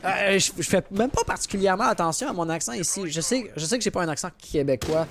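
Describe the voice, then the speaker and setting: A young man casting an esports match with play-by-play commentary, excitable and rising sharply at big plays. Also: high-pitched, fast talker, vocal fry, noisy background. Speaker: esports caster.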